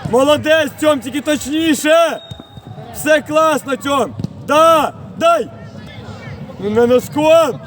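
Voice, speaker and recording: A man coaching youth footballers from the sideline of an outdoor pitch, calling out loud encouragement and praise, picked up by a distant camera mic. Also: takes it slowly, long pauses, a faint crowd, slight background noise. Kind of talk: sideline shouting.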